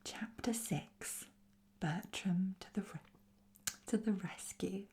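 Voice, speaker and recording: A woman reading a children's story aloud in a soft, soothing whispered role-play. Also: mid-range voice, takes it slowly. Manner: softly spoken, soothing.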